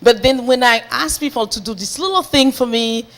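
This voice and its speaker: A woman giving a lively, laughing personal testimony to a small church group. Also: fairly high pitch, moderate pace. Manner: animated, laughing, lively storytelling. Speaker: congregation member giving testimony.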